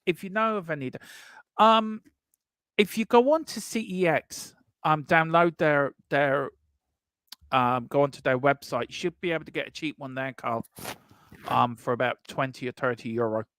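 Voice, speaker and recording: A man's voice: on the high side, normal speed, fairly bright tone, no echo. A man hosting a live watchalong stream, chatting casually and rambling with lots of fillers. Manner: rambling, full of fillers and restarts. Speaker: stream co-host.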